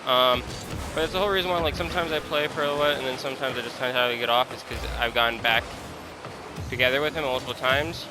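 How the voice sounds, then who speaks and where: Over background music and a rough recording, a 21-year-old man confides casually while gaming for his content. His medium-pitched voice is fast with fairly even intonation, and he hesitates, hunts for words and puts himself down in a candid way.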